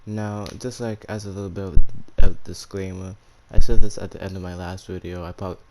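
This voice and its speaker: A man's voice: low-pitched, steady tone, brisk, warm tone, a little hiss or hum, rough recording. A man with a speech impediment that turns his R's into W's, hosting and narrating fan fiction in a casual, slangy way. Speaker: YouTube storyteller and channel host.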